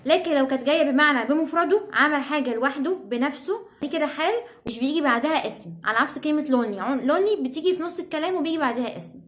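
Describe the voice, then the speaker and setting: A young woman with an Egyptian Arabic accent explaining English vocabulary as a teacher, checking in with "tamam?" after nearly every point. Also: high-pitched. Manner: repeats "تمام؟" as a check-in.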